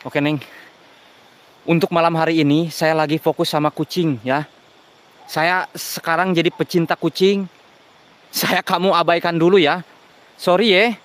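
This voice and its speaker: A man with a Sundanese accent hosting a night ghost-hunting vlog outdoors, excitable and jokey, swearing and praying when startled. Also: fairly high pitch, unhurried, long pauses.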